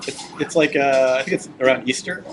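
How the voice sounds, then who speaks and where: A man's voice: mid-range voice, brisk, loud music behind the voice. A man from Long Island with an American accent, chatting casually in a joking, irreverent way. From Long Island, United States. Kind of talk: casual bantering chat. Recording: noisy live webcam stream.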